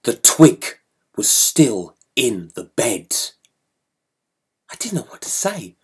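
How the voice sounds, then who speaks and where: A man tells a childhood story in a slow, deliberate way. His husky voice swings widely in pitch, dropping to whispers and rising to bright exclamations. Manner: expressive, dramatic, swoops between whisper and loud. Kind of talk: storytelling to an audience.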